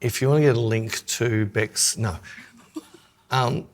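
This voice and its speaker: A man's voice: medium pitch, unhurried. A man with an Australian accent co-hosting a podcast, chatting casually in a rambling way. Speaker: podcast co-host.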